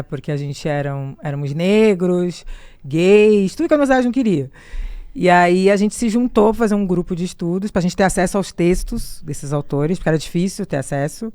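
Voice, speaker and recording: A Brazilian woman with a Brazilian Portuguese accent, a podcast guest telling a personal story in lively detail and acting out what she said back then. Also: fairly low pitch, no echo. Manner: animated, acts out her own past words in quotes.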